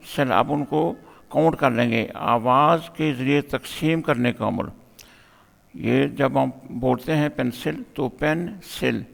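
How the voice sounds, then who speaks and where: Gravelly-voiced male teacher, echoing hall. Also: medium pitch. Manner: slow, step-by-step explaining with repeated questions. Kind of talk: explanatory grammar lesson.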